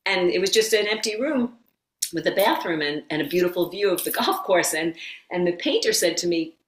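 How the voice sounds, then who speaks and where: A middle-aged woman, a yoga teacher and former occupational therapist, telling her story as a guest in a casual interview, animated and quick to laugh. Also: lowish voice. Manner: animated storyteller who acts out quotes and laughs often. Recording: roomy echo.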